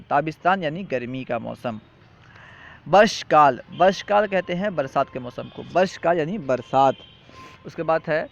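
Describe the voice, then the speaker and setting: A man teaches a classroom lesson in a slightly high voice. He recites lists and repeats them patiently, checking often that the students follow. The recording is dull and lo-fi. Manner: patient, repetitive, checks in with "theek hai?".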